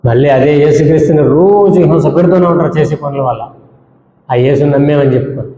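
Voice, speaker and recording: A man's voice: on the high side, brisk, mellow. Scolding male pastor in an echoey hall. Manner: scolding, rhetorical questions, repetitive lists. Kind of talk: sermon. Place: church hall. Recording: dull echoey church hall with long reverb.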